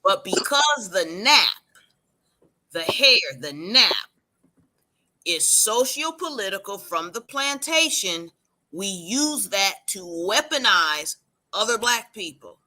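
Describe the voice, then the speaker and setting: Speaking emphatically on a livestream panel, a hairstylist from Puerto Rico preaches her point and draws out long lists. Her medium-pitched voice is bright and forceful with big swings in pitch, and the recording is rough.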